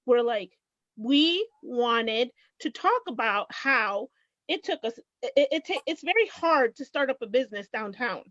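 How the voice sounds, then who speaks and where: A middle-aged woman with a high voice tells her story in a conversational, emphatic way, often repeating phrases and voicing quotes. The recording is dry and slightly muffled. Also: lively intonation, unhurried, a bit bright, no echo. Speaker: small business owner, guest.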